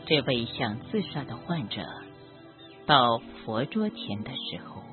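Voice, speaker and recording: A doctor telling a story about a patient in a gentle, measured, reflective narration. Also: medium pitch, sing-song. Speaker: doctor treating cancer patients. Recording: tinny phone-like audio with faint background music.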